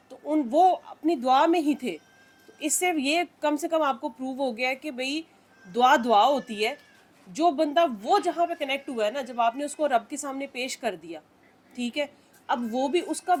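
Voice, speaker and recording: A woman leading a spiritual group, coaching a member in an instructive way and asking "right?" after nearly every point. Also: sits high. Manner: instructive, checks in with "theek hai?" constantly.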